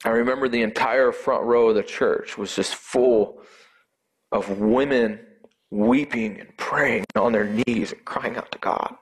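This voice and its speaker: A man giving an earnest, emotional personal faith testimony, halting at times and repeating words as he speaks. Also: mid-range voice, steady tone.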